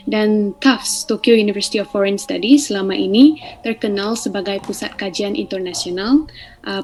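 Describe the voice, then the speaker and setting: A woman's voice: mid-range voice, a little mellow, rough recording. Woman, hesitant, many fillers. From Malaysia. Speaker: student. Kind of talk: prepared talk to camera.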